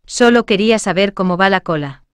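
A woman reads short everyday phrases in a slow, measured way, saying each one twice. Her voice is smooth and resonant. The sound is dry and close, with no room around it. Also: mid-range voice, no room sound. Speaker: Spanish phrase reader. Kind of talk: slow repeated phrase reading.

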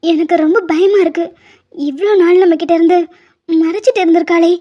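A woman's voice: very high voice, fairly even intonation, a little fast. A woman voicing an anxious pregnant young wife in a cartoon drama, talking in a pleading, worried way. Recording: dull lo-fi sound.

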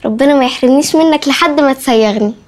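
A young woman acting out a cheeky, sharp-tongued Egyptian little sister with a high voice. She talks fast and whines and teases her brother in turn. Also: close to an everyday voice. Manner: whiny, cheeky teasing. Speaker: actress. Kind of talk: TV drama acting.

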